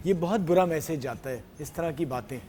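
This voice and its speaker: Earnest high-voiced Pakistani man. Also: a little fast, crowd noise. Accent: Pakistani Urdu. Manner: earnest, disapproving. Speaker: cricket analyst. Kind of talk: studio panel talk.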